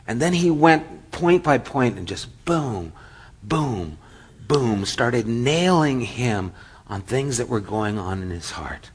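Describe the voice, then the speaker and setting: A man preaching as a pastor, telling a story in a sermon with a mid-range voice. He acts out the quotes in the story and sometimes sinks to a hushed, near-whispered tone. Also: medium pitch, big pitch swings, slow, breathy edge.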